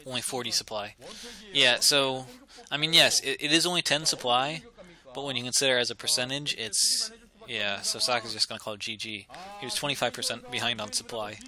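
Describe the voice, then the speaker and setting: Bright-voiced excitable esports commentator, a man. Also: medium pitch, a little fast, low-quality recording. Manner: excitable, laughs and gasps at big plays. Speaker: game commentator.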